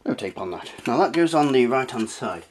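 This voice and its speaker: Sitting at a desk in a cramped, cluttered room, this British host of a retro tech channel walks viewers through a relaxed hands-on review and tutorial in a chatty way. He speaks at a medium pitch, expressively and a touch quickly, over slight background noise.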